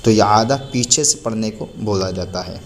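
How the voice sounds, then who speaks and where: Patient male teacher spelling slowly. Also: fairly low pitch. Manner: spells words out slowly, letter by letter; patient, explanatory, asks and answers his own questions. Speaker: Quran reading teacher. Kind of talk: recorded lesson.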